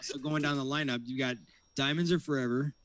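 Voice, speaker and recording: A man in a casual podcast chat, speaking in a measured way and thinking aloud with fillers. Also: mid-range voice, fairly even intonation, fairly bright tone. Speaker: podcast co-host.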